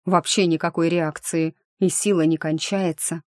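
A woman reading the lines of a calm, thoughtful young male mage in a slow, measured way. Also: on the low side, no echo, studio quality, close to an everyday voice. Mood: entranced.

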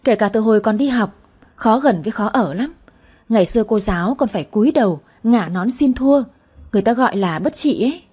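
A woman's voice: on the high side, lively intonation, brisk, warm tone, breathy edge. Woman voicing chatty womanizing friend, joking tone.

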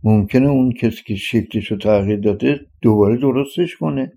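A man's voice: mid-range voice, creaky, dark tone. A man doing a stubborn loyal young villager. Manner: blunt, stubborn declarations.

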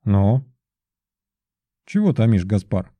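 A man's voice: lowish voice, sing-song, slow pace, dark tone, no echo, full character voice. A man voicing a cold, threatening young mage student who speaks curtly. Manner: curt, menacing.

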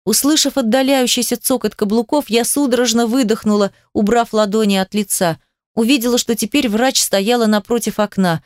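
A woman's voice: fairly high pitch, brisk, no room sound, studio quality. A woman reading a first-person story aloud in an emotive, dramatic audiobook style. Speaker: narrator. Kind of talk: scripted audiobook narration.

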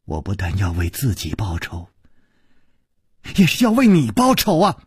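A man voicing a sly young woman who teases and taunts in murmured half-whispers, with a very husky voice. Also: extremely low pitch, wildly swooping pitch, unhurried, darkish tone, no room sound, studio quality, voice pushed down, heavily acted. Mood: taunting.

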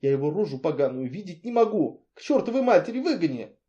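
A man's voice: on the high side, big pitch swings, fast talker, dark tone, muffled recording. A man voicing an indignant forty-year-old woman who screams insults in an audiobook. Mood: cold. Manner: shrieking insults, then cold and bitter. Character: furious 40-year-old woman, proud and shrill.

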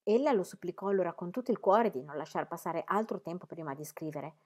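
A woman reading a classic novel aloud as narrator, calm and even. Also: on the low side, fast talker. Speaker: reader.

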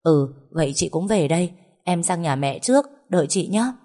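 A woman's voice: fairly low pitch, expressive, moderate pace, mellow, lightly acted. A woman voicing a worried young married daughter who asks anxious, urgent questions and keeps the peace.

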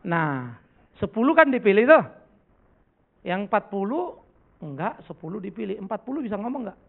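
Male pastor, middle-aged, animated pitch swings, joking sermon, tinny phone-like sound. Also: normal speed, gravelly. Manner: animated, joking, rhetorical questions. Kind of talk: conversational sermon with Q&A. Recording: tinny lo-fi recording.

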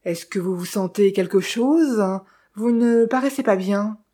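A woman's voice: medium pitch, measured pace, warm tone, close to an everyday voice. A woman reading an audiobook and voicing a chatty, knowing male village innkeeper who gossips and teases. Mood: gossipy. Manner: gossipy, teasing, confiding. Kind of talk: audiobook character voice.

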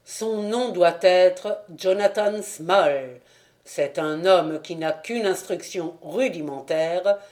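A man reading the part of a sharp-minded amateur detective who speaks in a calm, assured way. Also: sits high. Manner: assured, measured.

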